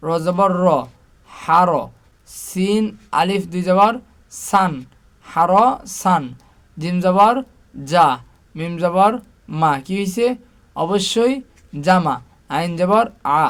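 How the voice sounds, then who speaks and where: Guy teaching quran reading, high-ish voice, spells out arabic letters slow and patient. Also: fairly bright tone, smooth. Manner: slow, patient drilling, asking and answering his own questions. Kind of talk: spelling Arabic letters aloud with vowel marks.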